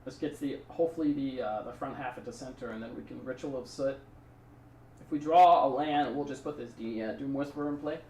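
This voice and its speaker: A man's voice: mid-range voice, brisk, darkish tone, far from the mic, a little hiss or hum. Chatty male streamer in a roomy room. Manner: rambling, chatty, thanks subscribers. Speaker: streamer playing a card game. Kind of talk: casual live-stream commentary.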